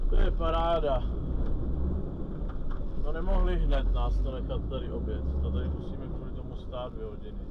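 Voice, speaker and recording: Swearing trucker in a noisy cab. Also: male voice, mid-range voice, pauses often. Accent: Czech. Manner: blunt, swearing, exasperated. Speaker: truck driver filming the road. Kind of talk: casual cab chat. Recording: muffled dashcam audio with loud engine noise.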